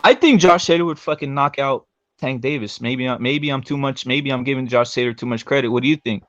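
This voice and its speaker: Dude on a glitchy robotic stream, pitch jumping around, muffled lo-fi sound, slangy and loose. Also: male voice, fairly quick, a bit bright, dry recording. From California. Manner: loose, slangy, repeats himself. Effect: glitchy robotic stream audio with jumping pitch. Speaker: livestream host. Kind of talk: casual boxing chat. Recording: dull lo-fi stream audio.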